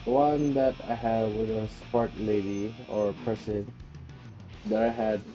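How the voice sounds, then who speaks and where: Dark-voiced man rambling on a stream. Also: fairly low pitch, flat delivery, measured pace, highs cut off, faint music behind. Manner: rambling, chatty storytelling. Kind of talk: casual chat.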